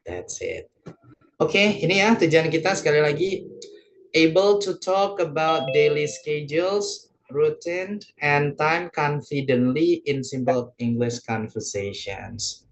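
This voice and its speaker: A man's voice: on the high side, lively intonation, slow pace. A man with an Indonesian accent teaching an online English lesson, patiently repeating each point and translating it phrase by phrase.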